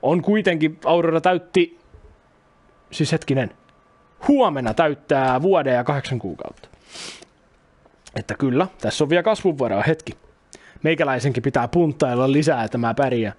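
A man giving chatty, excitable commentary while playing a video game, swearing and exclaiming at the action. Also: medium pitch, long pauses. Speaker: gaming YouTuber. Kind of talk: casual Let's Play commentary.

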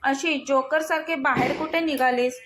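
A woman reading a bossy young husband, harsh scolding tone, high voice, storybook reading. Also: fairly even intonation, moderate pace, noisy background, natural voice. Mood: angry scolding. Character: stern, domineering young husband, quick to anger.

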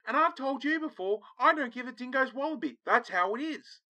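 Salty old Aussie seafarer for audio comedy , male actor. Gruff, brash, sharp-edged delivery. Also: very high voice, animated, fairly quick, heavily acted. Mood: exasperated. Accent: Australian. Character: salty, brash old Australian sea captain. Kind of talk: comedic audio drama acting.

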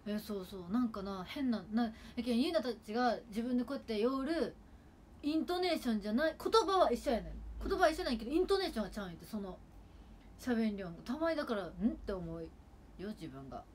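During a casual home stream with her sister, a woman in her twenties from Kagawa, Japan, who streams as an idol, talks on and on in Kagawa dialect, leaning heavily on fillers. Her voice is fairly high yet darkish in tone, animated and quick, with a bit of background noise.

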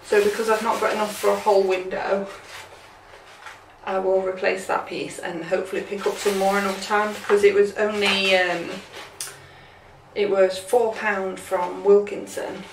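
A woman's voice: mid-range voice, flat delivery, moderate pace, noisy background. A young woman chatting casually to a handheld camera in her kitchen, upbeat and rambling. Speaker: vlogger. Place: small home kitchen, indoors. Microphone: handheld camera at arm's length. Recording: background music playing loudly. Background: loud background music.

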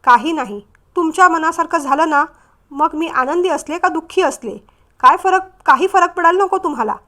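A woman's voice: extremely high pitch, moderate pace, bright, forceful tone. A woman voicing a hurt, despairing young bride who speaks bitterly through tears. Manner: bitter, tearful.

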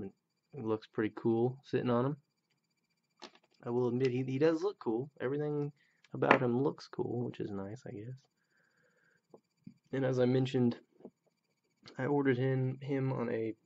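Gravelly, grumbling man reviewing a toy. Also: medium pitch, dull audio, a little hiss or hum. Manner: blunt, grumbling and critical. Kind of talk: casual product review.

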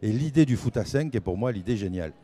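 An older man interviewing a guest at a trade fair stand with a handheld mic, brisk and enthusiastic. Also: fairly low pitch, lively intonation, dark tone. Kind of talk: casual interview.

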